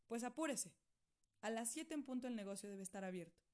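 A woman's voice: fairly high pitch, animated, brisk, darkish tone, close to an everyday voice. A woman doing a stern doctor uncle. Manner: commanding, formal and scolding. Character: stern middle-aged male doctor uncle, authoritarian.

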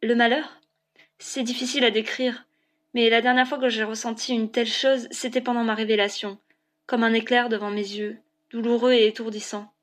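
A woman voicing an anxious young female oracle who speaks in a halting, unsure way in a storybook reading. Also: fairly high pitch, level tone, close to an everyday voice. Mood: uneasy. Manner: hesitant, halting and quiet.

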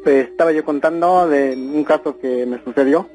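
Hesitant man caller, mellow voice. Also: fairly high pitch, normal speed, faint music behind. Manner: hesitant, repeated "este".

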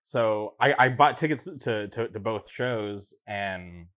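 Low-voiced young man, casually storytelling. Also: slow, a bit bright. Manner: informal slang-filled talk with repeated false starts.

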